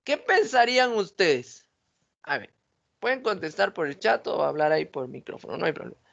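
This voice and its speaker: Brief: male teacher with a bright, fairly high voice, asking his class questions over a video call. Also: sing-song, normal speed, vocal fry, muffled recording. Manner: asks students questions, then answers them. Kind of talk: online logic class lecture.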